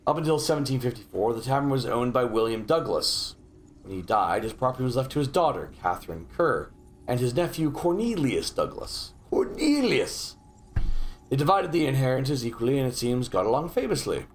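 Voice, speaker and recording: A man's voice: medium pitch, slight background noise. A man streaming a video game, reading lore aloud and tossing in sarcastic jokes. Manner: joking, sarcastic asides while reading lore. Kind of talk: casual gameplay commentary.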